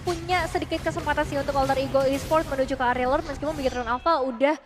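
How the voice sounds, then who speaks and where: A woman's voice: high voice, fairly even intonation, quick pace, over music. A woman with an Indonesian accent giving live match analysis as an esports commentator. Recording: noisy event ambience behind voice.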